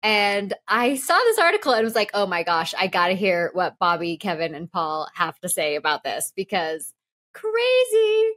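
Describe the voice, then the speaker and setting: A woman's voice: fairly low pitch, expressive, normal speed, few pauses, bright, forceful tone. A woman co-hosting a tech podcast, chatty and laughing as she sets up the topic. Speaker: podcast co-host. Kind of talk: casual tech chat.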